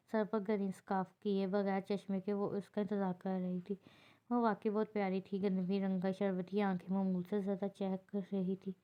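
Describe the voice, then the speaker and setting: A woman reading a romantic novel aloud in steady, unhurried narration, with occasional slips. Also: mid-range voice. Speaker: novel reader. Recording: dull lo-fi recording.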